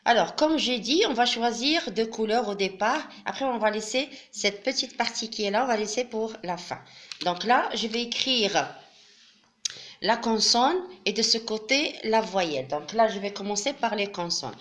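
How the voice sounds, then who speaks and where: A woman explaining a classroom craft step by step, patient and methodical, with frequent pauses and fillers. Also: a little high, expressive, a bit bright. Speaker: teacher.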